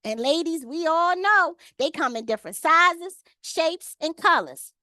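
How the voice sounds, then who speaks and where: A woman's voice: extremely high pitch, lively intonation, a little slow, sharp tone, dry recording. A woman leading an online Bible study on a video call. She reads scripture aloud, then talks with the group and calls on them by name.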